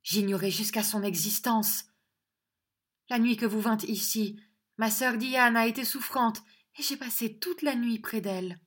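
An anguished, devout young noblewoman from a storybook, proud and solemn, her pleas rising in pitch, voiced by a woman narrator. She speaks with raised, emotional intensity. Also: slow, long pauses.

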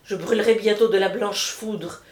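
A woman reading the lines of Zeus, the male king of the gods, in a storybook, measured and solemn. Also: mid-range voice, steady tone, darkish tone, lightly acted. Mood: commanding. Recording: roomy echo.

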